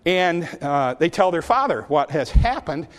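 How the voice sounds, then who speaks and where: A man's voice: on the high side, sing-song, measured pace, big-room sound. A man teaching a Sunday school lesson, telling Bible stories and often repeating words as he starts his sentences.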